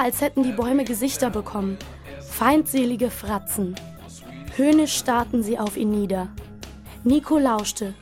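Woman narrating a suspense audiobook. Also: fairly high pitch. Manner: tense, measured storytelling.

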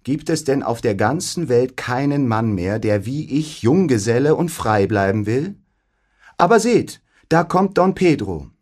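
A man's voice: medium pitch, animated, unhurried, a little mellow. A man voicing a proud, mocking young bachelor nobleman in a storybook, scornful and overbearing. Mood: exclaiming.

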